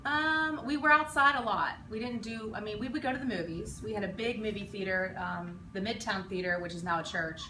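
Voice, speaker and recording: A woman in her forties from western Pennsylvania, a teacher, looks back on her school years in a casual interview inside a school building. Her mid-range voice is pushed and bright, a little fast, with hardly any pauses, and she rambles reflectively with many ums and restarts. The recording is noisy, with the mic far off in an echoey room.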